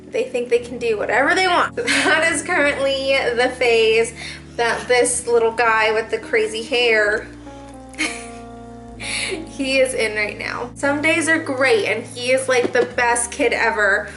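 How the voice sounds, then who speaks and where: A woman's voice: a little high, takes it slowly, fairly bright tone, soft background music, low-quality recording. A young adult woman, a mom vlogger, venting casually to camera in a chatty, rambling way with lots of fillers. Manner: chatty, rambling, laughs often, many fillers.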